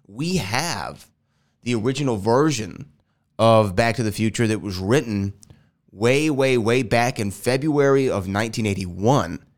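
Still getting over a sinus infection, this podcast host sounds nasal as he talks solo and casually, wandering off topic and correcting himself. He's from Houston, Texas, records in an air-conditioned house, and speaks in a mid-range voice at a measured pace.

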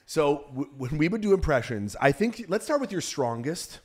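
A man's voice: on the high side, big pitch swings, normal speed. A man hosting a podcast, teasing his guest in a dry, casual way. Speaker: podcast host. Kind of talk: casual comedic chat.

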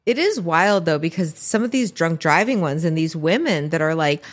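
A middle-aged woman co-hosting a podcast, chatting casually and acting out the people in her stories with lively voices. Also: low voice, moderate pace. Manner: animated storyteller who acts out the people she describes. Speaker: podcast co-host. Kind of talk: casual chat.

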